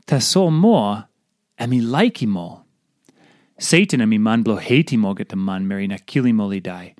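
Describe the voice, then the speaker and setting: A man with a Papua New Guinean accent reading a scripted audio devotional, delivering it deliberately in short phrases. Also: mid-range voice, darkish tone, no echo, clean studio sound. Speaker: devotional reader.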